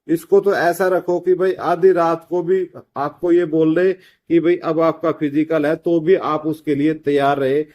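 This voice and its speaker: A coaching teacher gives an informal update about exams in a slightly high voice with a dark tone. He repeats himself, calls his students friends, and often checks in with "okay".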